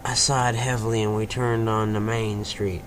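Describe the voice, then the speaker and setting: In a clearly noisy amateur home recording, a fan fiction reader narrates a story informally and sometimes trips over his words. He speaks on the low side, with a flat delivery at normal speed.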